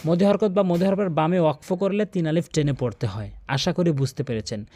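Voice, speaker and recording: A man teaching Quran recitation and pronunciation in Bengali, speaking earnestly and repeating the sounds slowly for practice. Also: fairly high pitch, warm tone. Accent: Bangladeshi Bengali. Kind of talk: tajweed pronunciation lesson.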